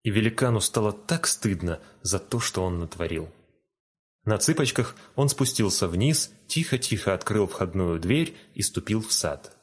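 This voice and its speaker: A man reading a fairy tale aloud in a calm, gentle storytelling manner. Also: fairly low pitch, moderate pace, husky. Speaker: narrator. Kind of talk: storybook narration.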